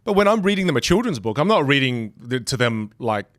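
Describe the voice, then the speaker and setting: In a casual chat about communication, a man speaks fairly quickly in a mid-range voice, lively and mimicking other voices as a podcast guest. His accent is Australian leaning toward British, and the clean studio recording carries no room sound.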